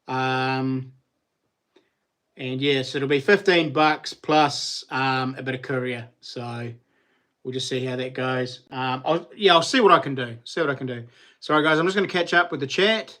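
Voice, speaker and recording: A man's voice: mid-range voice, steady tone, a little slow, pushed and bright. A man with a broad New Zealand accent hosting a casual live chat, talking to viewers in matey Kiwi slang. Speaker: live stream host.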